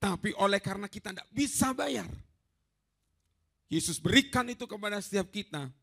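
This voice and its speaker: A man preaching a lively storytelling sermon in a church hall. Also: high voice, normal speed, creaky. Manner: lively, storytelling, addresses listeners as saudaraku.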